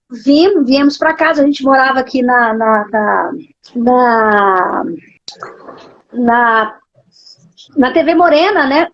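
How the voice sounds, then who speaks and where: A woman's voice: high voice, a little hiss or hum. A woman with a Brazilian Portuguese accent, a pastor giving an emotional testimony in a live interview, her voice sometimes breaking. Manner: emotional storytelling, voice breaking at times. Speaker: guest, pastor. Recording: dull lo-fi live stream audio.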